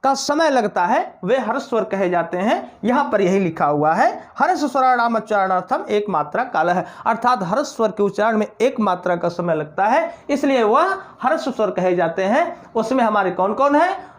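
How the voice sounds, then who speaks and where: A woman's voice: fairly high pitch, animated. A woman teaching a Sanskrit lesson for exam preparation, reading definitions and then explaining them again in Hindi, sounding out each vowel with care. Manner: slow, deliberate dictation of vowel sounds. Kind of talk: slow online exam-prep lesson.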